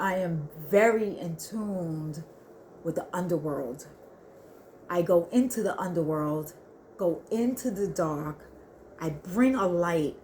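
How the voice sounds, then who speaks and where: A woman giving an earnest spiritual reading to her viewers, talking haltingly with many restarts. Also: on the low side, darkish tone, a little hiss or hum. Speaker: spiritual reader. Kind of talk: intuitive spiritual reading to camera.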